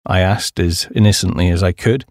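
A middle-aged British man narrates a humorous memoir for an audiobook, telling it with wry storytelling flair. His voice is low and darkish, his intonation fairly even and his speed normal. The recording is dry and studio quality.

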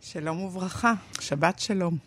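A woman's voice: fairly low pitch, a bit bright, slightly rough. Woman, conversational expert guest. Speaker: language academy expert guest. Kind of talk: conversational interview.

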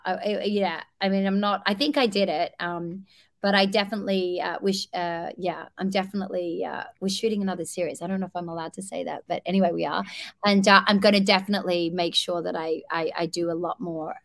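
A woman's voice: on the low side, creaky, no room sound. Australian woman, dry close sound. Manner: hesitant, many fillers and restarts. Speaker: actress guest. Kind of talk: casual interview chat.

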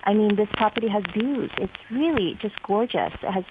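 Upbeat woman caller over a landline phone, tinny and hissy line, chatty pitch. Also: fairly quick. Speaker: real estate agent calling in as a guest. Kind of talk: casual radio phone-in chat.

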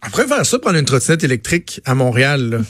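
A man's voice: mid-range voice, very animated, fast talker, a bit bright, no echo, clean studio sound. A man with a Quebec French accent, co-hosting a radio show and bantering casually, joking and telling stories. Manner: joking storyteller, bursts into put-on voices. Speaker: radio co-host.

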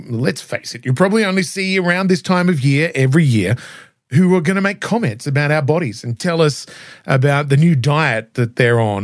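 A man with a hoarse, scratchy voice hosts a podcast in a conversational, narrated style. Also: mid-range voice, no echo, studio quality. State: hoarse, scratchy voice after flu. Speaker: podcast host.

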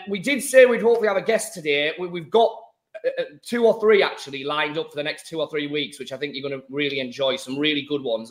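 A man with a croaky, slightly hoarse voice hosting a casual sports chat in a chatty, joking way. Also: a little high, fairly bright tone. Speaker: podcast host.

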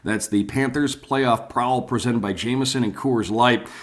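A man's voice: medium pitch, measured pace. A man hosting sports radio, giving a conversational recap.

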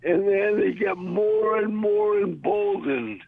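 An older man calling in to a radio show over the phone, talking in a rambling, halting way. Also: sits high, gravelly, slightly rough, no echo, soft background music. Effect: heard over the phone. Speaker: caller. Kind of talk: casual call-in chat. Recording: tinny phone line.

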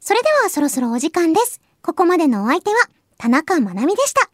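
A woman's voice: extremely high pitch, sing-song, dry recording, clean studio sound. A woman from Hiroshima, Japan, hosting a solo radio show and reading listener mail, cheerful and friendly, with a Japanese accent when she speaks English. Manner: bright, cheerful and friendly, slow and careful in English, brisk in Japanese. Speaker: radio host and voice actress. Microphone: close studio microphone.

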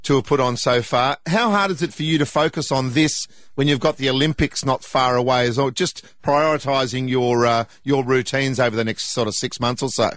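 A man's voice: mid-range voice, brisk, few pauses, a bit bright, no echo. A man with an Australian accent hosting a sports radio chat, hearty and enthusiastic. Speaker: radio host.

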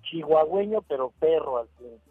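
A man's voice: on the high side, expressive, moderate pace, soft background music. A middle-aged man, calling in to a radio show over a phone line and joking with playful wordplay. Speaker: caller. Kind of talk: call-in chat on radio. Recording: tinny dry phone line.

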